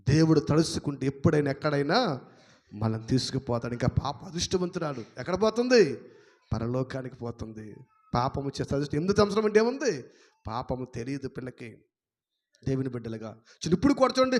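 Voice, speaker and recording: Male pastor, high voice, fervent sermon; rhetorical questions, repetition, loud-to-hushed swings. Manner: emphatic preaching, repeating phrases, rhetorical questions; swings between loud exclamations and low murmurs.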